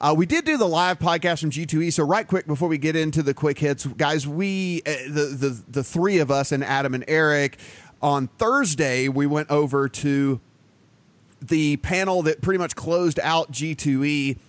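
A man's voice: fairly high pitch, moderate pace, no echo. Upbeat rambling male podcast host. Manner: rambling, self-correcting, upbeat. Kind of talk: casual podcast chat. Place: Las Vegas home.

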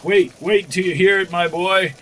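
A man playing a gruff, excitable, commanding newspaper editor in a 1940s radio serial. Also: high voice, moderate pace. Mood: brisk. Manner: brusque, commanding. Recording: noisy vintage 1940s radio recording.

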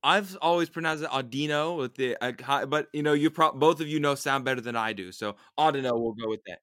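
A man's voice: medium pitch, fast talker, a bit bright, no room sound, studio quality. A man co-hosting a podcast, explaining creature trivia in an enthusiastic, rambling casual chat. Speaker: podcast co-host. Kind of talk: casual chat about monster game creatures.

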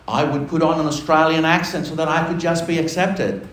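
The slightly high, fairly bright voice belongs to a pastor giving a personal testimony sermon, his delivery brisk and his intonation fairly even. He is casual and self-deprecating, laughing with his congregation, and the recording carries the roomy sound of the church hall.

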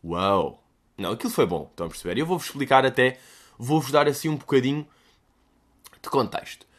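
This is a young man with a European Portuguese accent who hosts a podcast and talks straight to his listeners. His voice sits at an ordinary middle pitch but moves up and down a lot. He rambles in a relaxed way, making fun of himself and slipping into mock-dramatic asides. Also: a little fast. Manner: jokey, self-mocking, with mock-dramatic asides. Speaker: podcast host. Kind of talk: casual solo chat answering listener questions.

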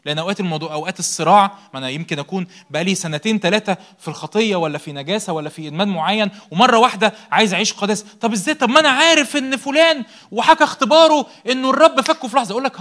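A man's voice: high-pitched, very fast, fairly bright tone. A young man with an Egyptian Arabic accent preaching a sermon, asking rhetorical questions, answering them himself and repeating key words for emphasis.

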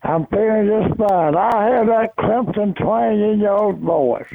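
Gravelly caller on a phone line. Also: male voice, sits high, slow pace. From South Carolina. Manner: plainspoken, emphatic, repeats himself.

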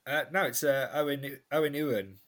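A man's voice: mid-range voice, moderate pace, fairly bright tone. A man co-hosting a podcast, chatting casually with dry jokes. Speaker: podcast co-host. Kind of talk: casual chat.

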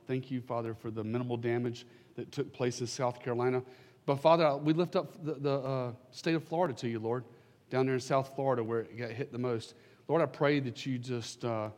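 Pastor preaching into a pulpit mic. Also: male voice, medium pitch, in a large hall. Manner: fervent, building to emphatic declarations. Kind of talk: prayer and sermon. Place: church sanctuary.

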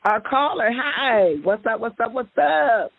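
A radio psychic host fields calls in a gravelly, higher-pitched voice, animated yet a little slow. She's folksy and sing-song, circling back to repeat her phrases, heard through a tinny, phone-like feed over background music.

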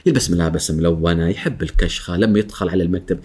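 A man, a guest speaker on workplace etiquette, talking in a lively way, acting out coworkers' lines and often laughing. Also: low voice, rapid-fire, slightly rough. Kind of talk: animated talk show chat.

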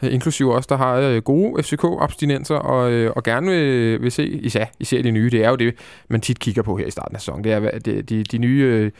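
A man's voice: mid-range voice, steady tone, creaky, hardly any pauses, darkish tone, clear, resonant tone, dry recording, studio quality. A man hosting a casual football podcast, talking hesitantly with many fillers and restarts. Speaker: podcast host.

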